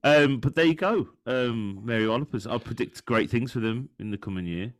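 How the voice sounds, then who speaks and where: A man's voice: mid-range voice, lively intonation, moderate pace. Chatty man introducing tracks. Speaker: podcast co-host. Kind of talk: casual chat about music.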